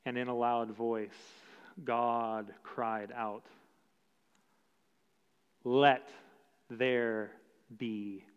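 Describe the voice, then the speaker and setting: Slow-preaching pastor in a reverberant hall. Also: male voice, medium pitch, smooth. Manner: slow, emphatic preaching with long pauses. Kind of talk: sermon. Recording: dull sound with long hall reverb.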